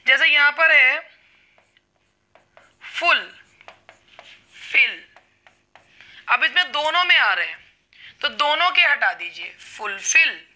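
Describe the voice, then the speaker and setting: A woman teaching an English spelling lesson, explaining slowly and drawing out her example words. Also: high voice, pushed and bright. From India. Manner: slow, drawn-out explanations with stretched example words. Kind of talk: classroom lesson.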